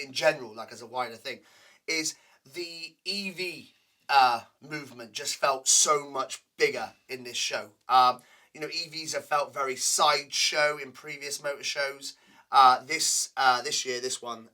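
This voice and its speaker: A man's voice: medium pitch, sharp tone, far from the mic. A man co-hosting a casual studio chat show, chatty and rambling, leaning on "you know" and "um". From England. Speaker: co-host.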